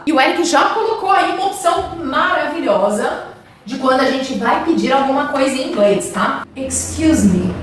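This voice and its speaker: A woman's voice: high-pitched, fairly bright tone. A woman English teacher from Brazil giving a chatty live lesson, reading viewer comments aloud and answering them. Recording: very echoey room with faint background noise.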